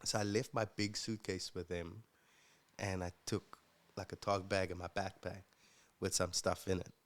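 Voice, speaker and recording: A young man, a musician guest, telling his personal story in an earnest, reflective way with halting restarts. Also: deep voice, level tone. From South Africa.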